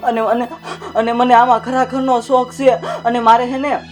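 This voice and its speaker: A woman's voice: fairly high pitch, flat delivery, normal speed, over music, natural voice. A young woman playing a tearful village daughter. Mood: wistful. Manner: hesitant, tearful pleading. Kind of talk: village family drama acting.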